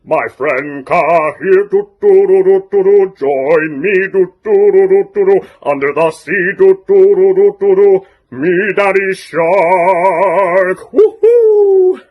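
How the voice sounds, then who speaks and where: Male performer for a gentle, slow personal greeting to a child. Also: high voice, expressive, narrow, tinny audio.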